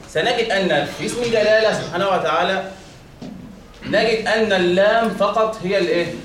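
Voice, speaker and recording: A man's voice: high voice, fairly bright tone, a little hiss or hum. A man with an Egyptian accent teaching a class on Quran recitation, quizzing his listeners and answering his own questions. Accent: Egyptian Arabic. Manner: quizzing, asks questions and answers them himself. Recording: echoey room from far off.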